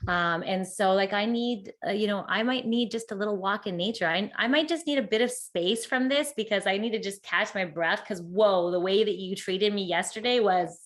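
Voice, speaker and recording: A woman author being interviewed, speaking passionately in a casual way, with frequent "like" fillers. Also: mid-range voice. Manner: passionate, talks in quick bursts with many "like" fillers. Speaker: author and guest.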